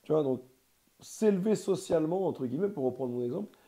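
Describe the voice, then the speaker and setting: This man's voice sits a little high and sounds mellow, and he talks in an animated, brisk way. He chats casually, rambling and emphatic, full of slang. He comes from a Portuguese heritage background and is close to bilingual.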